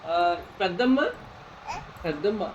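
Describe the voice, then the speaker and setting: A woman's voice: mid-range voice, lively intonation, unhurried, background noise. Coaxing woman talking to a toddler. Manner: coaxing, repeats questions to a toddler. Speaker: family member coaxing a small child. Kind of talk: casual family chat.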